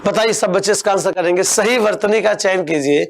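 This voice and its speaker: A young man teaching an online exam-prep class, coaxing his students and repeating words slowly. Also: high-pitched, creaky.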